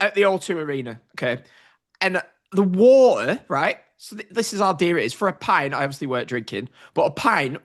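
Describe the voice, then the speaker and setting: A man's voice: a little high, fairly bright tone. A man co-hosting a football podcast, chatting casually. His voice rises and falls a lot. He tells stories animatedly and acts out the other people's lines. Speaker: podcast co-host. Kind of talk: casual chat, storytelling.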